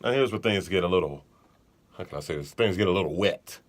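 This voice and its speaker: A man's voice: deep voice, lively intonation, fast talker. A man co-hosting a podcast, chatting casually and telling funny stories in a laid-back, joking way. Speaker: podcast co-host. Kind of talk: casual chat.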